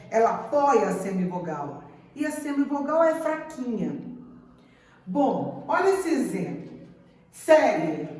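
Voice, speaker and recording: Woman teaching slowly, bit high, voice jumps around, roomy echo. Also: a little mellow, a little hiss or hum. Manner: slow, deliberate, repeating example words. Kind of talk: classroom grammar lesson. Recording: echoey room, mic at a distance.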